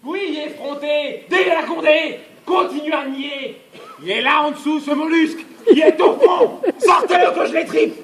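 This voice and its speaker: An actor playing a frantic, raging jealous husband in a stage farce, declaiming and shouting hammily. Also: male voice, extremely high pitch, measured pace. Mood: sarcastic rage. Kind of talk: theatrical stage farce acting. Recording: echoey theatre, loud noise and audience.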